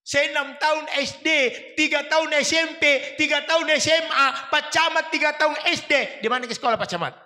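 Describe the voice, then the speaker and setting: A man's voice: very high-pitched, fairly quick, few pauses, sharp tone. A man in his fifties with a Makassar accent, giving a humorous sermon and acting out family stories. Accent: Makassar Indonesian. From South Sulawesi, Indonesia. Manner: storytelling, swaps into voices of mother and father. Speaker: preacher. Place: mosque hall. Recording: echoey mosque hall.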